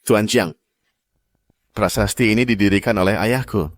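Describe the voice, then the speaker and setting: A cruel, arrogant young heir voiced by a man in a drama dub who talks down to everyone with open menace. His voice sits a little low and steady. Every line comes out sneering and threatening. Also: moderate pace, no echo, natural voice. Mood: scornful. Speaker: villain. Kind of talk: dubbed drama acting.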